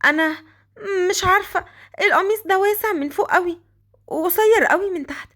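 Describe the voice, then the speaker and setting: A woman with an Egyptian accent voicing a timid young orphan girl who pleads in a quick, anxious way. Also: extremely high pitch, fairly bright tone, voice pushed up. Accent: Egyptian Arabic.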